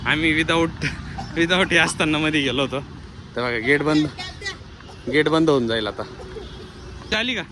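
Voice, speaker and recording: Recorded on a phone outdoors amid loud street noise and crowd sounds, this family vlogger talks to his audience as friends while urging his kids to keep moving through a public garden. He speaks in a fairly high voice, unhurried, with frequent pauses.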